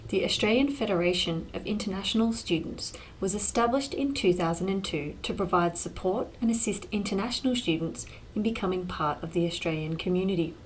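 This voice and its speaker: Woman interviewer, mid-pitched presenter voice, frequent soft murmurs, faint ambience behind. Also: fairly quick, few pauses, slight background noise, rough recording.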